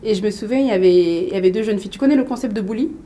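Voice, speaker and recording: Guest, thirties woman from Mali; loose conversational delivery, stops and restarts, warms into storytelling. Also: medium pitch, racing, slight background noise. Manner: hesitant, many fillers and restarts, lively storytelling. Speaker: interview guest, business coach. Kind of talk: casual conversational interview.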